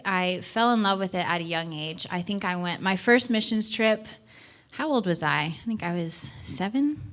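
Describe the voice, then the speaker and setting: A young woman, a church missions director, giving an earnest, chatty talk from a stage, with fillers and self-corrections. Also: on the low side. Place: church hall.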